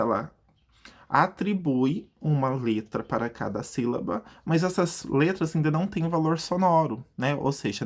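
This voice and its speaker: A man with a Brazilian Portuguese accent who teaches a video lesson in a chatty way. He asks himself questions and then answers them, and he slowly stretches out words syllable by syllable to show how they split. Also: a little high, slightly rough.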